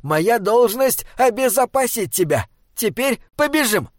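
A man's voice: very high voice, big pitch swings, measured pace, no echo, studio quality, voice pushed up, heavily acted. A man voicing a small, earnest male troll who talks in stilted, oddly worded phrases. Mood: urgent.

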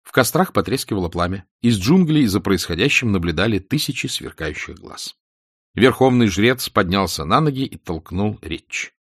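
A man narrating a story as an audiobook reader, expressive in his storytelling. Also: lowish voice, moderate pace, slightly rough, dry recording, clean studio sound. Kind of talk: scripted narration.

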